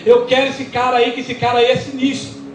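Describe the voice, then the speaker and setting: A man's voice: extremely high pitch, fairly quick. A Brazilian man, a pastor, preaching and telling his testimony in a church, acting out the dialogue as he goes. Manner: animated storytelling, acting out quoted dialogue. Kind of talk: sermon testimony. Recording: echoey church with music behind. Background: music.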